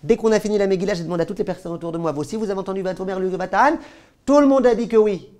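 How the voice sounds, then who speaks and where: Un homme, rabbin, qui donne un cours de loi juive vivant, avec des anecdotes, et qui passe souvent de l'emphase forte aux apartés à voix basse. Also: male voice, rapid-fire. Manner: animated storyteller, jumps between loud stress and quiet asides; asks the class questions. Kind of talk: lively halakha class told with anecdotes.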